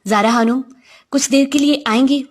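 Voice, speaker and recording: Woman voicing a devout young man, reserved, polite, formal, fairly high voice. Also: fairly even intonation. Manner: formal and courteous.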